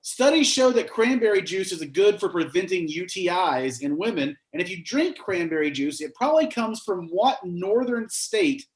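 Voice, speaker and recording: A man runs a casual trivia quiz, cracking jokes between the questions he reads aloud. His voice sits on the high side for a man. The room around him echoes noticeably. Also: expressive, moderate pace, few pauses. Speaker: trivia host. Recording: roomy echo.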